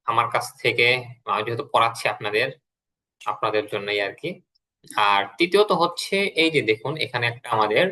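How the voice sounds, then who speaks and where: A man leads an online English class over a computer mic. His voice is bright and sits at a middle pitch. He talks patiently and repeats words slowly so the learners can follow. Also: rough recording. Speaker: English teacher.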